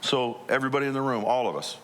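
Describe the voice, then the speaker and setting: A man's voice: medium pitch, expressive, very fast, fairly bright tone, a little hiss or hum. A man preaching a conversational sermon as a pastor, asking his listeners many questions.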